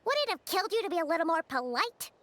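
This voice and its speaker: A woman's voice: very high-pitched, sing-song, very fast, a bit bright, heavily acted. A woman voicing a small, blunt, chirpy floating girl companion in a game, talking casually and teasing. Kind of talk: game voice acting.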